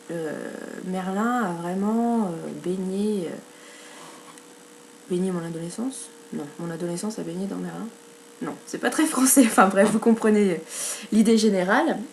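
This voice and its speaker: A woman's voice: medium pitch, dark tone, slight background noise. A woman with a French accent reviewing books in a casual vlog, chatty, with many fillers and self-corrections. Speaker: book blogger.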